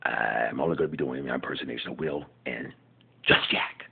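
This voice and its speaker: A man with a very low, gravelly voice rambles through a casual monologue, often dropping into half-whispered asides. His tone is husky and frayed at the edges, and the sound is thin and tinny, like a phone call. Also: fairly quick. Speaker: amateur pitching a show idea.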